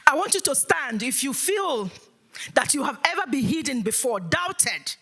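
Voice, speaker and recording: High, lively woman giving a rousing keynote. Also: normal speed. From Africa. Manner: rousing, preacher-like call and response. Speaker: motivational speaker. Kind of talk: motivational keynote speech.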